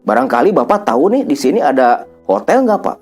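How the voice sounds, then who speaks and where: A man's voice: mid-range voice, very animated, brisk, a little mellow, faint music behind, pitched below the performer's own voice. A man voicing a lost young traveler speaking Indonesian, asking questions politely and nervously. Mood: pleading.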